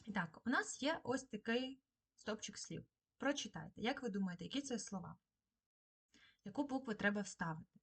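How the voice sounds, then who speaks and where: Woman teacher, husky voice, patient and slow, giving a recorded lesson to young pupils. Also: fairly high pitch, lively intonation, a bit bright. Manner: slow, patient dictation to children. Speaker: primary school teacher. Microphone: screen-recorded lesson.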